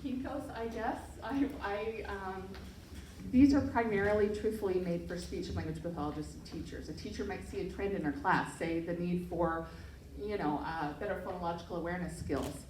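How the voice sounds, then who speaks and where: An earnest woman pitches her project in a low, mellow voice, stumbling over fillers and restarts. She is picked up from a distance in an echoey hall. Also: normal speed, a little hiss or hum. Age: adult parent. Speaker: project presenter. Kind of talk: pitch presentation and Q&A. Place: event hall. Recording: echoey room, mic from far off.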